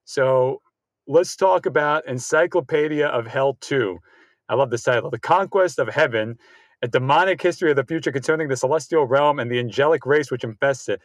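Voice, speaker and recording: A man's voice: mid-range voice, brisk, dry recording, studio quality. A man hosting an interview show, enthusiastic and full of fillers like "like" and "uh". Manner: enthusiastic, filler-heavy rambling. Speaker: podcast host. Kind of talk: casual chat.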